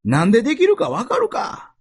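A blunt, gruff veteran band teacher in thick Osaka dialect , as a male preacher puts him on. His husky voice swings widely in pitch as he drills his students. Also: wildly swooping pitch, fairly quick, exaggerated voice.

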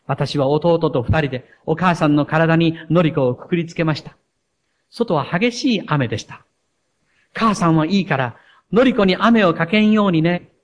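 A pastor giving a sermon, reading a story aloud in an earnest, measured way. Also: male voice, a little high.

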